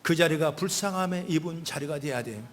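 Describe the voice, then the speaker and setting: An older man preaches a sermon, his voice pitched high for a man. He moves between loud, emphatic calls and soft, low asides. The sound rings with the long reverb of a church hall. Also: a little fast. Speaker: pastor. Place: church sanctuary.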